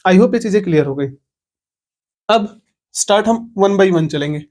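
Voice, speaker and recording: A man with a high voice is teaching an online maths lesson. He goes through each point step by step. He often asks the class whether they follow. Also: animated, unhurried, darkish tone. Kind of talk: online lecture.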